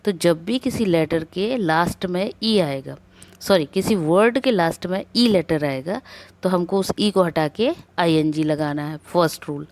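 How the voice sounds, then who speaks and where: A woman with a somewhat low voice gives a grammar lesson. She explains each rule step by step, checks that her students follow, and reads the English rules out slowly and carefully. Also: a little mellow, no room sound. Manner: explains step by step with repeated rhetorical questions and checks. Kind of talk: classroom lecture on grammar.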